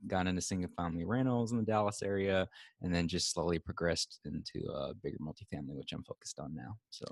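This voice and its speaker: Young guy from hawaii, real low voice, chill podcast guest, dry sound. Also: quick pace, vocal fry, no echo. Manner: relaxed, laid-back, many fillers. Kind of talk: casual conversation.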